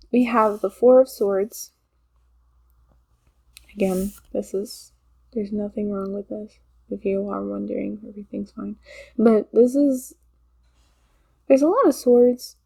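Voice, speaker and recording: Mellow-voiced woman giving a chatty tarot reading. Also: medium pitch. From Poland. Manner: chatty and rambling, laughs often, repeats herself. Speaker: tarot reader. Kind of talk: casual channeled tarot reading.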